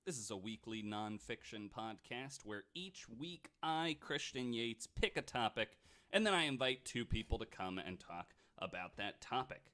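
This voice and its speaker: A podcast host with a medium-pitched, expressive voice tells a story at a moderate pace, loose and chatty, full of "likes" and the odd mild swear. His delivery sounds pushed and bright.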